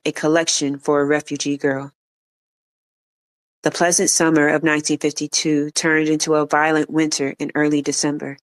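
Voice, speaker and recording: An audiobook reader narrating an autobiography aloud in a measured, even manner. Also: mid-range voice, clean tone.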